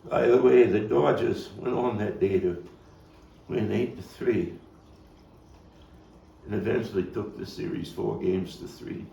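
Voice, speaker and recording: Bitter and wistful, a haunted Brooklyn man, played by a male stage actor, makes his confession in a low, gravelly, dark-toned voice, halting and brooding and full of anguish. The monologue sounds roomy and distant, recorded from afar with faint noise.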